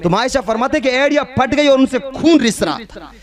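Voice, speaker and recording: A very high-pitched male preacher delivers an impassioned sermon. He drives his points with rhetorical questions and repetition, building up to loud cries. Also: lively intonation, fairly quick. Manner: fervent, rhetorical questions, repeated phrases, swelling to shouts. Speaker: Islamic preacher. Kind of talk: impassioned Urdu-Hindi sermon.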